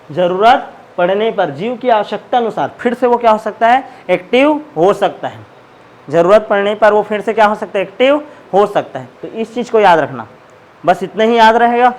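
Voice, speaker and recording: High-voiced male biology teacher. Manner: asks a question then answers it himself, repeating key terms. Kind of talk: classroom lecture with call-and-response questions.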